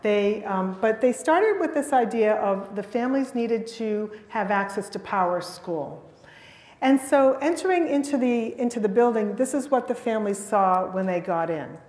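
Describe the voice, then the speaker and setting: A middle-aged woman giving an earnest, animated conference talk at a podium mic in a large auditorium. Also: medium pitch, moderate pace. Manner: earnest and animated, with frequent restarts. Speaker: keynote speaker. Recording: echoey hall with long reverb.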